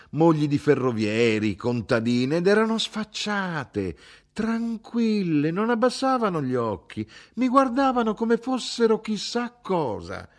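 Indignant middle-aged mother, higher and livelier than the narration, read by a man. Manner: sharp, insistent, rising in pitch.

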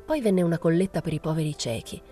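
A woman reading a novel aloud in a measured first-person narration. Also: deep voice, animated, mellow, soft background music. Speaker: reader.

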